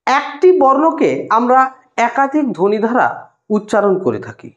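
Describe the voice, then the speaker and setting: Female tutor with a West Bengal Bengali accent, bright high voice with a lot of rise and fall, patient step-by-step lesson delivery, dull lo-fi recording. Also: sing-song. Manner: explains step by step, addresses students directly; sounds out single sounds slowly.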